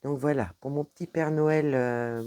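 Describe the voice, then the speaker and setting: Her voice rumbles low with a dark tone, fairly even intonation and a slightly slow pace. She's a French-accented woman at her home desk, casually chatting about her cross-stitch in a show-and-tell vlog, rambling and stumbling as she goes.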